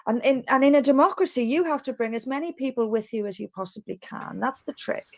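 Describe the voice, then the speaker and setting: Measured woman, discussion clip. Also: high voice. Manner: measured, hesitant fillers. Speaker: interviewee in a reacted-to video. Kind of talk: political discussion.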